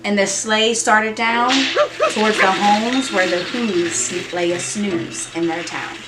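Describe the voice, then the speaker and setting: In an echoey room with app music and sound effects in the background, a woman expressively reads a children's story, leaning on dramatic emphasis and stretched-out repetition. Her voice is mid-range and steady, though the recording is very noisy.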